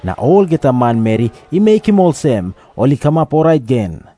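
A man's voice: mid-range voice, big pitch swings, a little fast, warm tone. A man with a Papua New Guinean accent, reading scripture as a narrator. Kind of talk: scripted Bible narration in Tok Pisin.

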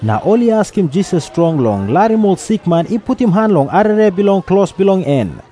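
Man, Papua New Guinean accent, scripture narration, high pitch, lively intonation. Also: a little fast. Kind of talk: scripted Bible narration in Tok Pisin.

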